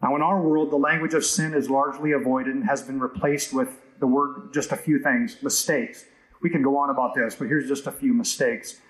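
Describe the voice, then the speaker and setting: Male pastor, mid-pitched, chatty sermon delivery, reverberant room sound. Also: steady tone, a little fast, fairly bright tone. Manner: conversational preaching with frequent "right?" asides.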